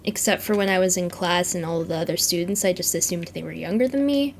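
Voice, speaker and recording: A Canadian woman livestreamer chatting casually over a game, rambling in a sleepy, low-key but playful way. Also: a little fast, a little hiss or hum. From British Columbia, Canada. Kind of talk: casual chat while playing a farming game. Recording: music behind the voice. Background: music.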